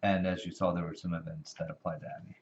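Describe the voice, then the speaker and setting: A man's voice: low-pitched, level tone, quick pace, a little hiss or hum. A man who knows the game well, patiently explaining the rules in casual board game chat, with many fillers. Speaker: experienced player explaining rules. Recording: dull lo-fi recording.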